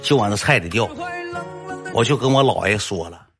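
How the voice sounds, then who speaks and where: A man's voice: on the low side, animated, moderate pace, fairly bright tone. Chatty Northeastern Mandarin storyteller man. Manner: chatty, addresses listeners as brothers. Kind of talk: comic storytelling. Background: faint music.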